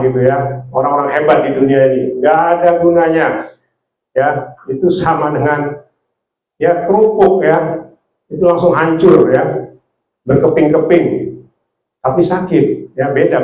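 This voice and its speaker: A man preaching a sermon, often ending his phrases with a soft "ya". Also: a little high, reverberant, muffled recording. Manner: repetitive, ends phrases with "ya".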